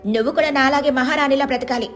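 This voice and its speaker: A woman's voice: sits high, steady tone, quick pace, soft background music, natural voice. Woman playing a sly scheming village neighbor. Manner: bossy, coaxing and sly.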